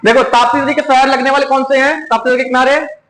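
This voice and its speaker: ऊँची आवाज़ वाला पुरुष शिक्षक, गूंजते कमरे में. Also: male voice, very high voice, level tone, fast talker, a bit bright, echoey room, low-quality recording. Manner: asks and answers his own quiz questions, repeating key words. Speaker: exam coaching teacher. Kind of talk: classroom lecture.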